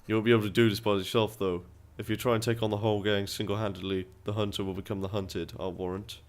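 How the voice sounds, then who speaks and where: A man's voice: lowish voice, little pitch movement, quick pace, close to an everyday voice. A man reading a game's dialogue aloud, voicing a scheming middle-aged male town merchant in a persuasive, businesslike way with put-on accents.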